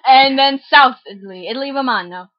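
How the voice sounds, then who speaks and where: A woman's voice: high-pitched, brisk, dull audio. A young woman chatting casually as an eager, giggly anime fan, chiming in while showing her dad the characters. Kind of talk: casual reaction chat.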